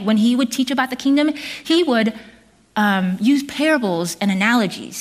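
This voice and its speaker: A middle-aged woman born in South Korea preaches a sermon to her congregation in an earnest, measured manner, with some fillers and restarts. Her voice is a little high.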